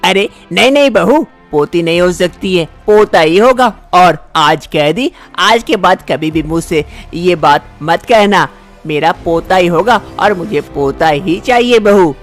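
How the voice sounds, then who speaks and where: A domineering older mother-in-law scolds and insists in a lively, swooping voice, as a woman narrator puts her on. She talks slowly and presses every point again and again. It sounds like a spoken storybook drama with faint music underneath. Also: lowish voice. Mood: insistent. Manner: scolding, insistent, repeats "bahu". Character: scheming older mother-in-law craving a grandson.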